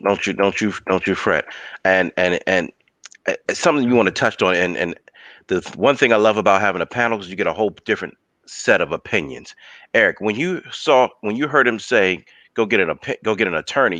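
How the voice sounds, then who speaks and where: Deep voiced guy hosting a panel, forceful, encourages the guests. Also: a little fast, no echo. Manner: encouraging, calls guests brother. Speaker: host. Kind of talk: panel moderation.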